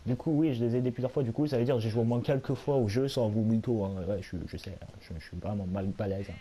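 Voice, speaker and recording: A hoarse young man, a little sick, giving rambling, self-mocking commentary while he plays a video game at home. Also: mid-range voice, fast talker, dark tone. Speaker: gaming YouTuber. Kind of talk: casual let's-play commentary.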